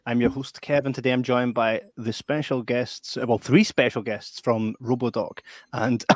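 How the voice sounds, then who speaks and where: A man's voice: medium pitch, moderate pace, a little mellow, dry recording. A man hosting a casual podcast chat, enthusiastic and rambling with lots of restarts. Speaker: podcast host.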